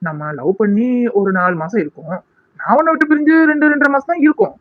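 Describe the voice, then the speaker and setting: A man's voice: high voice, sing-song, quick pace, no echo, phone-quality sound. A man voicing a young man in a cartoon, a spurned ex-lover who is mocking, sarcastic and scheming.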